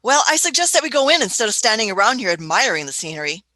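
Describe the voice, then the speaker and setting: A woman's voice: fairly high pitch, big pitch swings, fast, bright, forceful tone, no echo, heavily acted. A woman voicing a fussy elderly Doctor who chuckles, hums and uses old-fashioned phrases in a radio play. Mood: amused. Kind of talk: amateur radio play acting.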